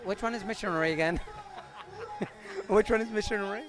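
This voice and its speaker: A man in his thirties answering a street interview, talking in animated, laughing bursts into a handheld mic outdoors at night. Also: high-pitched, normal speed, over music, crowd noise. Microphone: handheld mic held out by interviewer.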